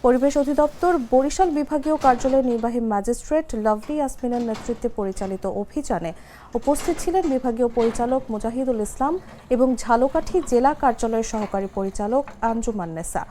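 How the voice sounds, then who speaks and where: A woman reading a scripted news report in a formal, even voice-over. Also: on the high side, fast, slight background noise. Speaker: news reader.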